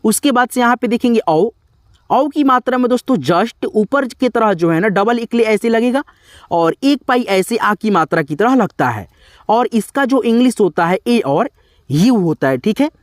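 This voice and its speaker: Patient man spelling words out slowly. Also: high voice, lively intonation, dry recording, studio quality. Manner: keeps saying "friends" and "okay" to check in with viewers. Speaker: online teacher. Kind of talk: step-by-step spoken lesson.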